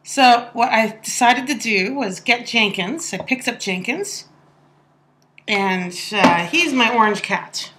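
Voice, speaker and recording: A woman's voice: a little high, expressive, slow, heavy background noise. A woman telling a funny story in a casual, chatty voice-over, laughing often as she talks. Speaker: soap maker telling a story.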